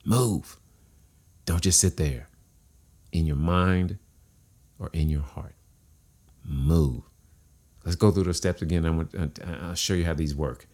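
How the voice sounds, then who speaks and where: A man's voice: low voice, slow, pauses often, a little mellow. A man giving a motivational monologue, asking rhetorical questions and repeating key phrases in a preachy way. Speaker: motivational speaker.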